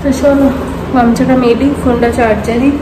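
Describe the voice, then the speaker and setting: A woman's voice: fairly high pitch, fairly even intonation, fairly quick. A woman with a Bengali accent, chatting casually in a daily vlog while doing chores. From India. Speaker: vlogger. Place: home in hot weather. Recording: echoey home room with clear background noise.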